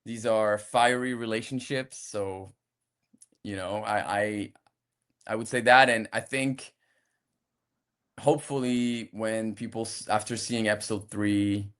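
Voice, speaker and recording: A French actor, interviewed as a guest, talks casually in a relaxed, hesitant way with many restarts. His light French accent has been softened by years abroad. His lowish voice moves at a slow pace with a clean tone.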